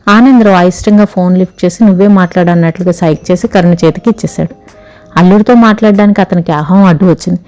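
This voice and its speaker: Calm woman narrating a story. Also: on the low side, fast talker, soft background music. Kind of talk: audiobook narration.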